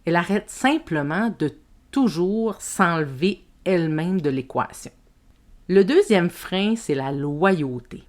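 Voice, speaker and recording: A woman with a Québécois French accent hosting a self-help podcast, speaking to the listener in a gentle, reflective way. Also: fairly low pitch, expressive. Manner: slow, gentle, addresses the listener as tu. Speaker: podcast host and women's coach.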